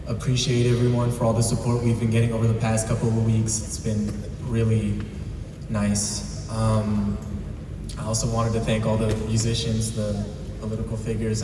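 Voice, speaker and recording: A young man with a lowish, flat voice speaks hesitantly with frequent ums. He sounds distant in a large hall with long reverb. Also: moderate pace. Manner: soft-spoken, hesitant, many ums. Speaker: son speaking at a memorial. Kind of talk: short memorial speech. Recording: echoey hall from a distance with noise.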